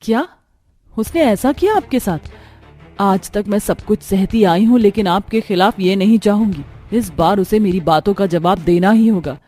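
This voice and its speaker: A loyal, hardworking young daughter from a cartoon story, voiced by a woman, with a plain mid-pitched voice. She speaks caring and firm, rising to stern scolding, over soft music. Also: normal speed, lightly acted. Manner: caring but firm, scolding when angered.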